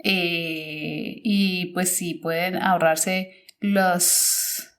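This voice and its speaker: A woman's voice: lowish voice, steady tone, extremely slow, fairly bright tone. A woman teacher hosting a podcast, talking casually and thinking aloud, often correcting herself and searching for words. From Colombia.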